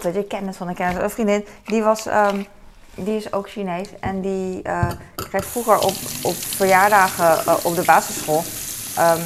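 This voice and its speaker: A woman's voice: mid-range voice, a little hiss or hum. A woman in her forties with a Hong Kong Cantonese accent, chatting casually and rambling while doing household chores. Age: 40s. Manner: rambling, lots of fillers. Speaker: mother.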